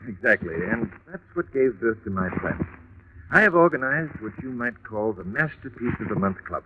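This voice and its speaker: An actor playing a formal, earnest art patron who talks in a self-important way, in an old radio drama. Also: male voice, medium pitch, expressive, moderate pace, close to an everyday voice. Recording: tinny old radio recording with faint hiss.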